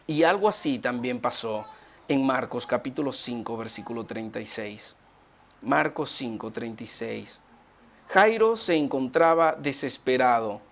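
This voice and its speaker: A Chilean preacher delivering a sermon with a very lively, rising and falling voice. He sometimes surges loud and then drops to a near hush. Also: fairly high pitch. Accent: Chilean Spanish. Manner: dramatic preaching, swings from loud to hushed.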